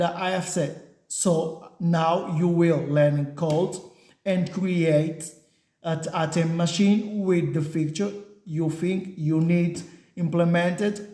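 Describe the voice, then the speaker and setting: Hosting his channel as a software engineer, a man from a Portuguese-speaking country gives a casual talking-head vlog in an echoey room. His voice is on the high side and mellow, and his non-native English, Portuguese being his first language, is slow and halting with many fillers and restarts.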